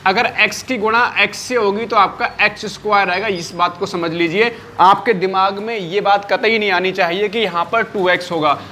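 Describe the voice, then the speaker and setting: A man's voice: sits high, fairly even intonation, normal speed, hardly any pauses, sharp tone, slight background noise. A man teaching a live online maths class, repeating each point and checking often whether students follow.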